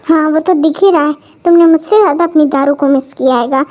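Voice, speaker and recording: A woman's voice: high voice, quick pace, darkish tone, close to an everyday voice. A woman voicing a bossy young woman who scolds and grows exasperated. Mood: scolding. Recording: dull lo-fi recording.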